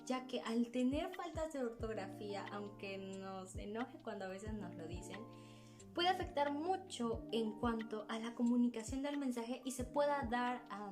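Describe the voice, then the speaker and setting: A young woman with a Mexican Spanish accent giving a chatty school presentation, asking rhetorical questions and using fillers as she explains. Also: fairly high pitch. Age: young adult. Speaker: student presenter. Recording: faint background music.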